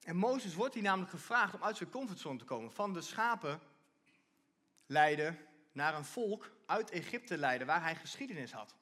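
Animated man preaching a sermon. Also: fairly high pitch, normal speed. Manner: animated, repeats and restarts, reads scripture aloud.

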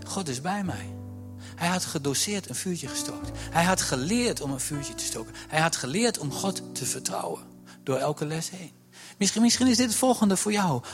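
A man preaching a sermon in an animated way, dropping to a hush and then rising to near shouts as he acts out the story's voices. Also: sits high. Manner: animated, swings from hushed to loud, acts out voices of God and Moses.

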